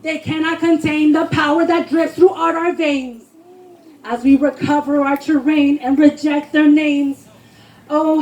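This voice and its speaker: In a rough recording from a live poetry reading, a woman's high, slightly mellow voice declaims her lines. She gives an impassioned, emphatic spoken word performance to a responsive audience.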